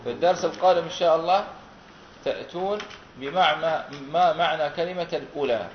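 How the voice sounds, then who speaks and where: A man's voice: on the high side, quick pace, a little hiss or hum. A man teaching a class on Quran recitation, asking his students questions and repeating their answers back patiently. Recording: roomy, dull lo-fi classroom recording.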